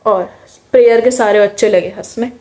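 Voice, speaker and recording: A woman's voice: medium pitch, normal speed. A young woman with an Indian accent telling a personal story in a casual, chatty way. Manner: chatty, animated, mixes English words into speech. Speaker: vlogger.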